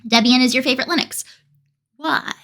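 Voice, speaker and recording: A woman's voice: high voice, fairly quick, bright, forceful tone. A young adult woman chatting casually on a live stream, rambling with dry, self-mocking humor and frequent laughs.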